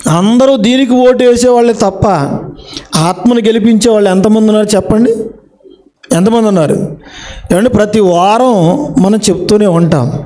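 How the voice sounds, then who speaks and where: Middle-aged pastor, sermon in church, high voice with a mellow dark tone, keeps firing questions at the congregation. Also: male voice. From India. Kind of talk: Telugu sermon.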